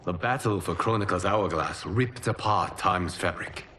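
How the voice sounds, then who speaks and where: Liu Kang, a deep, calm time-keeper. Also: male voice, slight background noise. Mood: solemn. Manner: calm, measured, solemn. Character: calm godlike male warrior monk, keeper of time. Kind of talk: video game cutscene acting. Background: dramatic game score.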